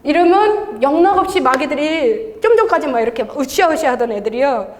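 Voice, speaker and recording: Higher-voiced woman giving animated testimony in a church hall. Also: a little fast, slight background noise. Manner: animated storytelling with laughter. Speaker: intercessory prayer leader giving testimony. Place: church sanctuary. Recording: long reverb of a large church hall.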